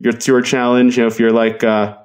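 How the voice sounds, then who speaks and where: A man's voice: mid-range voice, flat delivery, a little fast. A man in his thirties hosting a podcast solo, talking casually and motivationally to the listener. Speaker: podcast host.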